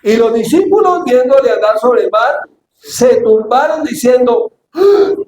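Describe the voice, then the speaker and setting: A man preaching a sermon as pastor, acting out Bible scenes and shouting for emphasis. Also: very high voice, lively intonation, measured pace, slight background noise. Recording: echoey church hall, faint ambience.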